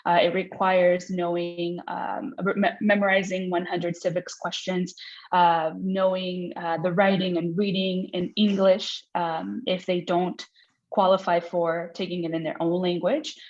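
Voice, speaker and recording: A woman's voice: on the low side, a little slow. Lo-fi woman presenting on a webinar. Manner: excited talker, many fillers and restarts. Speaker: legal director of an immigrant aid center. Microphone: video call. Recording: dull lo-fi audio from a video call.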